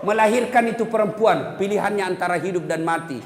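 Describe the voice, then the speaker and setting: A man's voice: sits high, quick pace. A man giving a humorous sermon, joking and acting out what husbands and wives say. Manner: jokey, acts out quoted couples' talk. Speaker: preacher. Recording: echoey hall with background noise.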